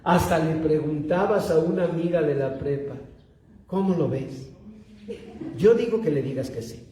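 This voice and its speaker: A man's voice: on the high side, brisk. A man preaching a sermon to young people, telling stories and acting out the dialogue. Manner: animated storytelling, acts out dialogue, addresses youth directly. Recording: echoey hall.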